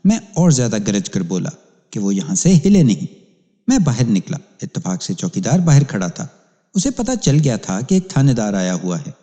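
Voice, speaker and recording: A man's voice: fairly low pitch, mellow. A man narrating a crime story as a police inspector, in an emphatic, dramatic reading. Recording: long hall reverb.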